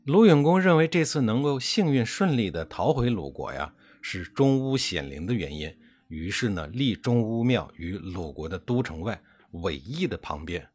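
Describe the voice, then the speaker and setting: A man's voice: fairly low pitch, husky. A man narrating history in a chatty, colloquial storytelling style, drawing out his sentence endings. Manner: colloquial, chatty, with drawn-out particles.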